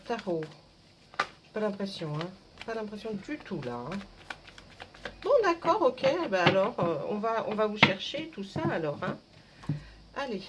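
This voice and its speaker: A woman's voice: mid-range voice, slight background noise. A woman reading tarot cards for her viewers, chatting casually, joking and talking to herself as she shuffles. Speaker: tarot card reader.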